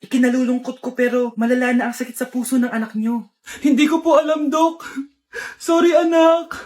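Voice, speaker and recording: A woman performing comedy skits and playing every part herself, switching quickly between characters. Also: high voice, steady tone, a little mellow.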